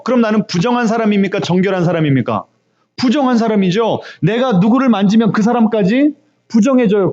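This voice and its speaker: A man preaching a sermon as pastor, questioning the congregation and moving from loud cries to near whispers. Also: sits high, dull audio. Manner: preaches with questions to the congregation, dramatic shifts in loudness.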